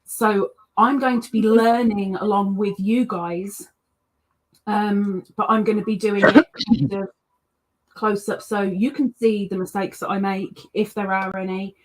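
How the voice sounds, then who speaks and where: Woman co-host on an echoing call line, chatty and encouraging, giving friendly tips. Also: medium pitch. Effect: echoey sound on her audio. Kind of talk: casual crochet tutorial chat.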